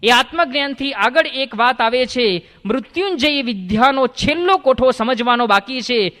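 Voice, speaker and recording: A man, a swami, gives a sermon and tells a parable in a lively way, acting out the characters. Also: very high-pitched, moderate pace. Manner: animated storyteller, acts out the characters. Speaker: swami giving a religious discourse. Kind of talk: sermon with storytelling. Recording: long hall reverb.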